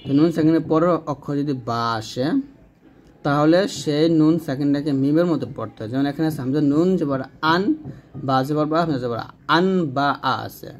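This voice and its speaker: A man with a Bangladeshi Bengali accent giving a step-by-step tajweed lesson, spelling out letters and drilling each syllable slowly. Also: a little high, slight background noise. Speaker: Quran recitation teacher.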